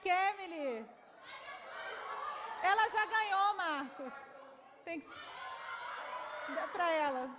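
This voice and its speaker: A Brazilian historian runs a lively quiz for schoolchildren at a public event, her very high voice animated yet slow, with long pauses. Affectionately coaxing, she calls each child "my love". Crowd noise and faint background sound fill the reverberant large hall.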